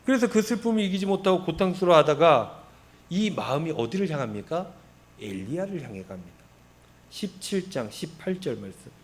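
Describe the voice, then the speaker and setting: A man's voice: a little high, brisk. A male pastor preaching a sermon, retelling scripture with rhetorical questions. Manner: expressive storytelling with rhetorical questions.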